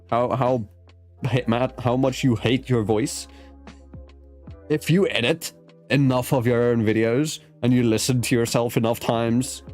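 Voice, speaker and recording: This host is a South African man with a medium-pitched voice and a South African accent, and Afrikaans is his first language. He chats loosely through a casual interview, often starting over, while soft music plays underneath.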